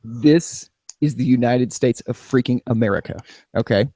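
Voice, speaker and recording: A man co-hosting a casual podcast, talking in a sarcastic, rambling way that swings from flat to animated. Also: medium pitch, normal speed. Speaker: podcast co-host.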